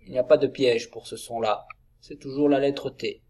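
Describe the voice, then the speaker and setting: A man teaching a reading lesson to young children, sounding out syllables slowly and clearly. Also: mid-range voice, fairly even intonation, a little mellow.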